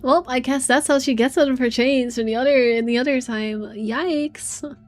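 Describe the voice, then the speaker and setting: A woman doing casual, chatty gameplay commentary with expressive reactions. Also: sits high, moderate pace. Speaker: game streamer.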